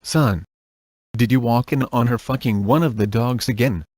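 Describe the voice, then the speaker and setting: Man voicing a barking old granddad, gruff and bullying, dry close sound. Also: medium pitch, moderate pace, a little mellow, dry recording, natural voice.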